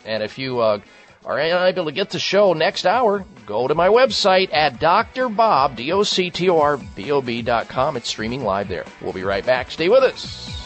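Male talk radio host, fairly high voice, very animated, emphatic plugs with music underneath. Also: normal speed.

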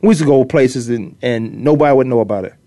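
A middle-aged man from Virginia on the US East Coast, a former pro defensive back, hosts a casual sports talk show in a fast, warm, medium-pitched voice with no room sound. He's opinionated and rambling, repeating himself for emphasis.

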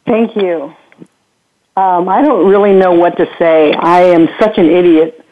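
A woman calling into a radio show over the phone, halting and self-deprecating as she searches for words. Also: fairly low pitch, fairly even intonation. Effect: radio show caller heard over a phone line. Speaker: caller. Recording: tinny phone line.

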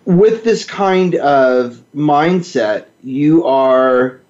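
A man presents a radio talk show in a conversational, explanatory monologue. He speaks in a measured way, pausing and correcting himself. The sound is echoey and somewhat dull, as if from a bare indoor space. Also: fairly high pitch, lively intonation, a little mellow. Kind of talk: conversational monologue on behavioral therapy.

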